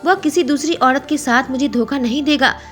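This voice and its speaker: Woman storyteller, first-person romance narration, expressive, higher voice, faint music. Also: normal speed.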